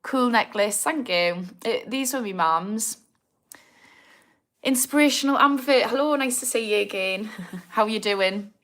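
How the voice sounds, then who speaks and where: Her voice is a little high and fairly bright, and she talks a little slowly. She's a woman in her thirties with a Geordie accent, casually chatting on a livestream, handling viewer comments with self-deprecating jokes and plenty of laughter.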